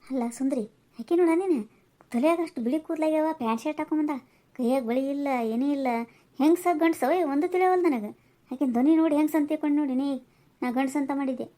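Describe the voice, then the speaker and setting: A woman voicing a quick-tempered middle-aged village woman in a cartoon, speaking with a North Karnataka accent and scolding in rapid bursts. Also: sits high, dark tone, lightly acted. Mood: indignant. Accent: North Karnataka Kannada. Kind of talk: cartoon voice acting.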